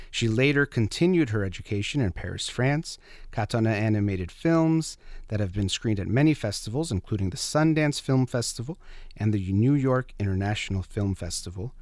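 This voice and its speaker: Male radio interviewer, lower register, steady and formal, dead-dry studio mic. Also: no echo. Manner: measured, formal introductions. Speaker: radio show host.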